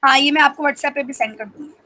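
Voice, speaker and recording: A woman teaching a reading-comprehension class, switching between English and Hindi and alternating slow dictation with rapid explanation. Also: high voice, sharp tone. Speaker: school teacher. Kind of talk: online reading-comprehension lesson.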